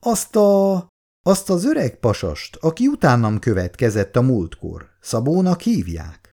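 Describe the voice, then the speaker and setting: Man doing a sly mocking gentleman. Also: mid-range voice, huge pitch swings, pitched above the performer's own voice. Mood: sly prying. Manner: mocking and inquisitive. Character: sly, prying gentleman customer.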